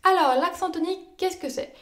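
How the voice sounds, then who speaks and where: Young french-speaking woman, high voice, clear careful lesson narration. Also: fairly quick, over loud music. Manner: clear, careful explaining with spoken example words. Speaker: language learner teaching Italian.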